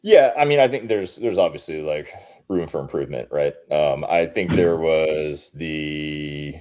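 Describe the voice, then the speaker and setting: A man's voice: rumbling low, unhurried, darkish tone, muffled recording. A man talking in a casual podcast film review, thoughtful and hedging, with many restarts. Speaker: podcast guest, Marine veteran.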